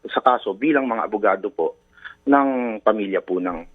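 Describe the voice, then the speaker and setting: A man's voice: on the low side, normal speed. A man calling in as a lawyer, speaking politely and deferentially and hesitating with many fillers. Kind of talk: phone interview. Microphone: telephone. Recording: tinny phone line.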